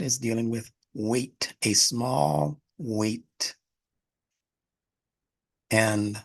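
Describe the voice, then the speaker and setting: Male lecturer, gravelly and a bit husky, emphatic teaching delivery, dry close sound. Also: mid-range voice, no room sound. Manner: emphatic, breaks words apart to teach. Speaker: instructor. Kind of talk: spiritual lecture on word origins.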